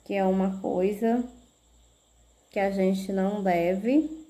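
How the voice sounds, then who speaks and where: A woman teacher with a Brazilian Portuguese accent, giving a video lesson, slow and patient, spelling out syllables and checking in with little tag questions. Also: mid-range voice, steady tone, dark tone.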